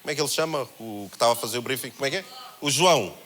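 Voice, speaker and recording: A man with a European Portuguese accent preaching a sermon, in a conversational, animated way that acts out the voices he quotes. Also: medium pitch, racing. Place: church held in a cinema.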